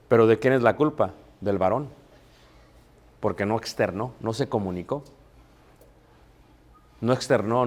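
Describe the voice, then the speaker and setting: A middle-aged male preacher with a Mexican accent, giving a sermon on marriage. His voice sits at an ordinary male pitch. He talks emphatically, repeats key phrases and poses rhetorical questions to the men listening. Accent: Mexican Spanish.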